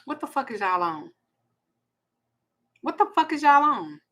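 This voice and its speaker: A woman's voice: high voice, big pitch swings, a little slow, sharp tone. A woman, hosting a blunt, profane ranting monologue. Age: 40s. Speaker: host.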